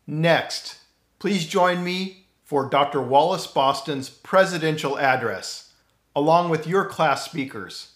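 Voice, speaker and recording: Middle-aged man announcing a virtual ceremony, encouraging and upbeat, a bit high-pitched, roomy echo. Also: a bit bright. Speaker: university official introducing the ceremony. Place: home office with bookshelves. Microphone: fixed camera, chest-up framing. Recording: echoey indoor room.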